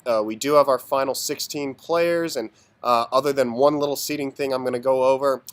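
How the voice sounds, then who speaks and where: A man with a hoarse, under-the-weather voice hosting a casual video announcement of standings as a league commissioner, in an informal, mock-official sports announcer manner. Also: medium pitch, fairly even intonation, brisk. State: hoarse, sick. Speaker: fantasy football league commissioner and host.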